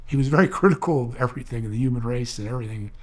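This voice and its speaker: An older man, an author and speaker, tells rambling, earnest stories in a reflective talk. His medium-pitched voice moves very fast, and he often restarts his sentences.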